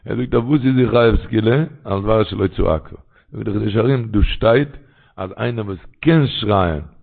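A man's voice: fairly low pitch, moderate pace, creaky. A man telling religious stories in a rambling way, repeating his phrases. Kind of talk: storytelling religious talk. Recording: tinny phone-line sound.

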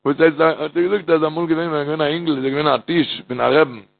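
A man preaching a storytelling sermon, animated, swinging from loud calls to low murmurs and intoning prayer phrases in a singsong. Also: very fast, vocal fry. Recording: tinny phone-like line.

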